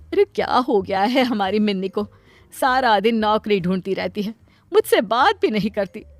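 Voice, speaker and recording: A woman voicing a doting, long-suffering middle-aged mother in a cartoon story. She talks in a plaintive, pleading, soft-hearted way. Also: mid-range voice, lively intonation, moderate pace, no echo, faint music behind, lightly acted. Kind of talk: Hindi cartoon voice acting.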